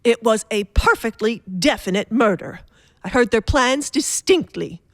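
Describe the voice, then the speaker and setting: An actress playing a nervous, complaining invalid wife in a radio play, haughty, fretful and insistent. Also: female voice, on the high side, lively intonation, a little slow, dry recording, studio quality. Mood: anxious, fretful.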